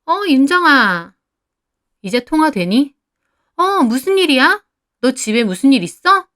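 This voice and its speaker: A woman's voice: sits high, very animated, unhurried, fairly bright tone, voice pushed up, full character voice. A woman reading a story aloud who voices a jealous, sarcastic female friend in her twenties or thirties, prying into someone's marriage.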